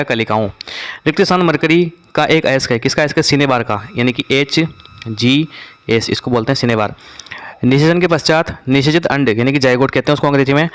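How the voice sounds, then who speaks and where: A man's voice: mid-range voice, smooth. A man teaching an exam revision lesson, reading out questions and drilling the answers by asking them again and repeating them. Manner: quizzes listeners and repeats answers.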